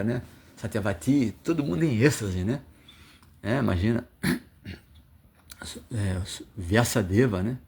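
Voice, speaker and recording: A male religious teacher with a Brazilian Portuguese accent comments on scripture in a loose, storytelling way. His voice is gravelly and sits at an ordinary middle pitch. He stumbles and restarts often as he acts out the figures in his stories. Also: a little mellow. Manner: storytelling with acted quotes, many fillers and restarts.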